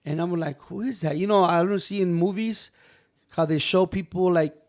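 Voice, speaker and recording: On a podcast, a man with a somewhat higher voice than most men tells a personal story loosely and casually at a moderate pace. He stays animated, acting out other people's lines and often calling his listener "bro" and "man."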